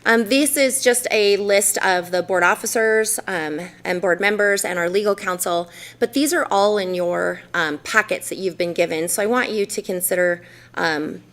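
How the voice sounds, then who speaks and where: A woman in her forties from Idaho, USA, gives a formal presentation in a city council chamber. Her mid-range voice has a fairly bright tone and a moderate pace, and she sounds earnest, with ums and self-corrections scattered throughout.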